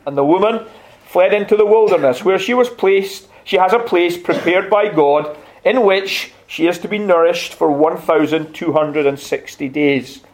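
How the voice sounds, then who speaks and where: In a church sanctuary, a middle-aged visiting pastor from Scotland delivers a warm, chatty sermon with gentle humor and reads scripture aloud. His voice is high and his pace moderate.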